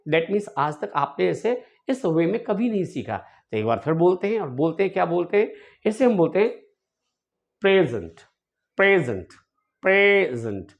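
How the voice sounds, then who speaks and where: A male English teacher giving an online grammar lesson, drilling words by repeating them slowly and addressing viewers fondly. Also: high voice, sing-song, gravelly, a little mellow, lo-fi sound.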